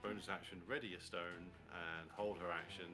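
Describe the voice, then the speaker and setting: A casual man at a tabletop game table, speaking low and loose, joking and swearing freely. Clear music sits behind his voice. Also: steady tone, normal speed. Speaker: player. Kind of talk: casual table talk on a live stream.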